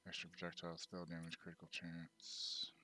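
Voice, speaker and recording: A man's voice: low-pitched, monotone, moderate pace, sharp tone, slight background noise. A middle-aged man giving casual, joking gameplay commentary, half muttering to himself as he streams. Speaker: game streamer. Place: indoor room, streaming setup.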